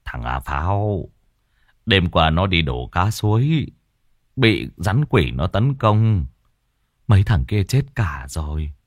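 A weary old village chief with a low, heavy voice, as a male storyteller puts him on. He talks in a tired, gruff way. The room sound is dry. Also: sing-song, takes it slowly, no room sound, heavily acted.

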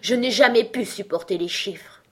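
A woman voicing a rude, ill-tempered duchess with a hoarse, grumbling voice in a storybook reading. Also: mid-range voice, normal speed, darkish tone, close to an everyday voice. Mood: curt. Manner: curt and snapping.

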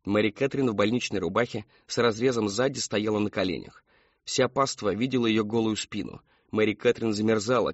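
A man's voice: lowish voice, no echo. Man narrating an audiobook, dull dry sound. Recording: dull dry studio read.

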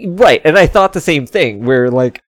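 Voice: mid-range voice, lively intonation, normal speed, dry recording, clean studio sound. A podcast co-host chatting casually about a TV episode, rambling with lots of "like" and frequent laughs. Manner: rambling, heavy on "like," laughs often. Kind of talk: casual chat reviewing a TV episode.

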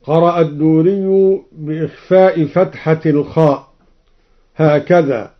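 A man explaining reading variants of the Quran, breaking into slow, melodic recitation of each example, from an old radio broadcast. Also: on the high side, fairly even intonation, highs cut off.

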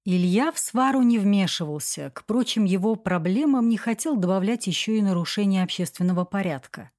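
A woman reading an audiobook as narrator in a steady, even storytelling manner. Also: medium pitch, fairly quick, no room sound, clean studio sound. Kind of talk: scripted narration.

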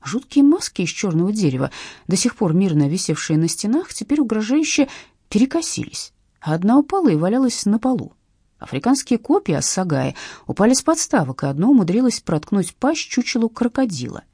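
Woman, audiobook narrator, wry lively storytelling, husky, dry close recording. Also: mid-range voice, fairly quick, no echo. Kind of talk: expressive audiobook reading.

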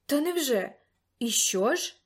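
A woman reading a spirited teenage girl in an audiobook, asking brisk, quizzical questions. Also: high-pitched, animated, breathy edge, full character voice. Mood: puzzled.

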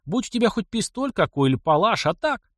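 A man's voice: high-pitched, sing-song, fairly quick, fairly bright tone, no room sound, clean studio sound, pitched above the performer's own voice. A man voicing a blunt, earnest young male engineer who speaks plainly and directly.

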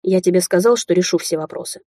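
A woman voicing a stubborn young man who speaks quietly and tersely. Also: lowish voice, fast, natural voice. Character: stubborn young Chinese man, calm and hard.

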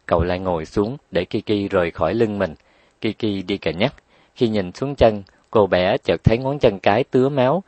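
A man narrating a children's story in a lively storytelling manner. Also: on the low side, no room sound.

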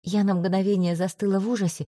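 Brief: woman audiobook narrator, steady first-person read, mellow tone, dry close sound. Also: medium pitch, quick pace, dry recording.

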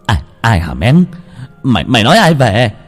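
A man voicing a frightened, gruff peasant father who blurts out stammering questions. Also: medium pitch, huge pitch swings, normal speed, soft background music. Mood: alarmed.

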